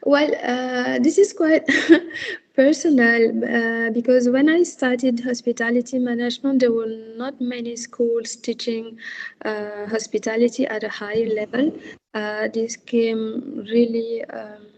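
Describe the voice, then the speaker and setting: A woman from Senegal, a hospitality consultant, talking slowly and hesitantly with many fillers and restarts as a guest on a video call interview. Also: a little high, steady tone, darkish tone.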